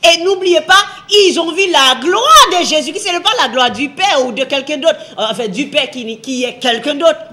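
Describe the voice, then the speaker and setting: A woman's voice: sits high, moderate pace, hardly any pauses, bright, forceful tone. A woman giving a televised Bible teaching, emphatic, repeating her phrases and asking the viewers rhetorical questions.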